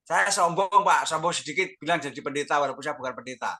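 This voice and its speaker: A man's voice: on the high side, quick pace, sharp tone. An older man, earnestly telling his personal testimony with lots of quoted dialogue. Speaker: testimony guest.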